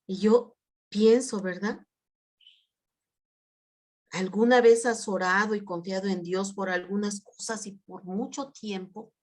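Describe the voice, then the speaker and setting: A woman's voice: mid-range voice, steady tone, slow, pauses often. A middle-aged woman preaching a sermon in a conversational way, often asking for agreement and repeating words as she acts out sample prayers.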